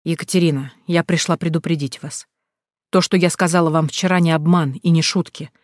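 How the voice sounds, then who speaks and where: An insistent middle-aged fortune teller, played by a woman, low-voiced and urgent as she pleads to be heard. The recording is dry and close-up. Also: fairly even intonation, brisk, dry recording, natural voice.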